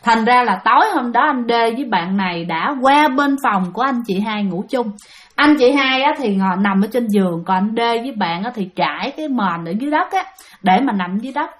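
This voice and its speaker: A woman's voice: fairly high pitch, expressive, a little fast, a bit bright. Chatty woman storyteller. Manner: chatty, addresses listeners directly. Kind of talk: casual spoken ghost-story telling.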